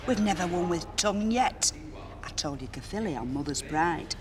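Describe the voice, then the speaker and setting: An actress playing a grumpy, superstitious older woman who complains in an indignant, deadpan way. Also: lowish voice, moderate pace, natural voice. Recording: busy crowd behind.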